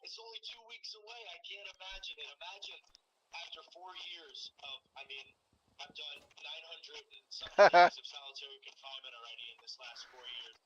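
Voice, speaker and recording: A man with an impassioned, rallying delivery, appealing to listeners as a guest on a stream. His voice sits a little high. A steady hiss of noise runs under the remote line. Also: brisk. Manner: fervent, impassioned.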